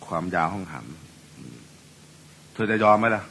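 A man telling a bawdy joke in a chatty, animated way, with asides to the listener. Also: fairly low pitch, slow pace, slight background noise. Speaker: joke teller. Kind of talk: bawdy comic storytelling.

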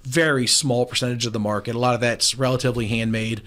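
A man in his forties, an appliance store owner, talking briskly and confidently as a guest on a radio show over a video call. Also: mid-range voice, fairly even intonation, fairly bright tone. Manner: brisk, confident business talk. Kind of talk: casual radio talk interview. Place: small room, indoors, remote video call. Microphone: studio mic with headphones.

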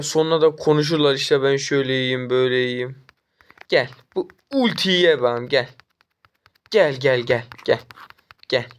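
A young man from Turkey gives running commentary on his mobile game, goading enemies and calling out plays. His voice sits a little high and sounds smooth and clear. He turns excitable when he gets close to a kill. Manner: taunting, trash-talking the enemy; excitable, jumps up when chasing. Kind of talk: live gameplay commentary.

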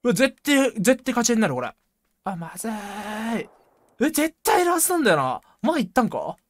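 Jumpy, high-voiced woman streaming a game. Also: normal speed, no room sound. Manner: jumpy, excitable self-talk, rough slangy speech, frequent laughs. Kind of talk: live gameplay commentary.

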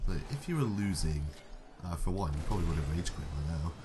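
A man's voice: deep voice, animated, fast, background noise. A young man giving casual, sarcastic running commentary over a car-football game, mocking himself and his teammates. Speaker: gaming YouTuber.

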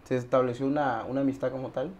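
A young man from Honduras talks easily as an interview guest, speaking of his barber work in a loose, friendly way. His voice sits at an ordinary middle pitch. He is recorded on a lapel mic in a curtained studio, with a faint hum behind him. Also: quick pace. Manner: relaxed, says "brother" and "¿sabes?" often. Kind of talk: casual interview chat.

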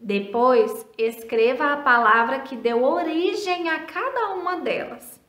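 A woman's voice: high voice, measured pace, a bit bright, reverberant. A Brazilian woman teacher giving a recorded lesson to children, speaking patiently, spelling out letters and syllables and answering her own questions. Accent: Brazilian Portuguese. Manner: asks questions and answers them herself.

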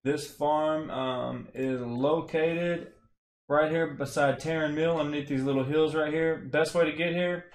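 Casual game guide talk from a young man streaming at home: he rambles through an explanation of a game farm, relaxed and heavy on fillers. His voice sits on the high side and is a little slow, and the room has an echo.

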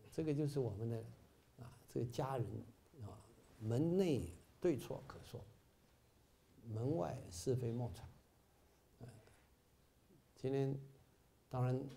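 A man's voice: medium pitch, vocal fry, dark tone, a little hiss or hum. A middle-aged man giving an informal Buddhist talk to fellow volunteers, full of "ah" fillers and rising to emphatic peaks. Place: bookstore meeting hall.

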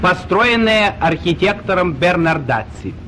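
A man's voice: high voice, expressive, unhurried, bright, forceful tone, slight background noise. A man narrating a 1930s newsreel in a formal, declamatory, solemn way.

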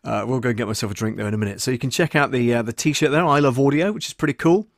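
Racing along at a medium pitch, the man's voice has no echo. He's in his fifties, an audio producer and live-stream host chatting informally as he hosts a tutorial, recorded close on a desk condenser microphone in his small soundproofed shed studio.

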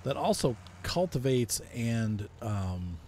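A man's voice: medium pitch, big pitch swings, takes it slowly, dark tone, slight background noise. A man casually talking through a farming simulator playthrough, thinking aloud with frequent fillers. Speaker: gaming video host. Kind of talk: casual farming-sim commentary.

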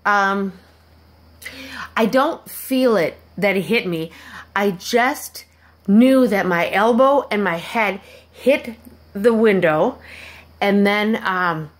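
A woman telling a personal story to her viewers in a halting, rambling way, with many restarts and asides. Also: medium pitch. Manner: animated when acting out quoted people. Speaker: vlogger.

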